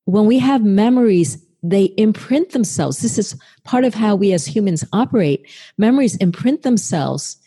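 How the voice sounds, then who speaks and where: A woman's voice: medium pitch, warm tone. A woman telling a personal story in a conversational way, with many fillers. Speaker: speaker sharing a personal story. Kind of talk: storytelling talk.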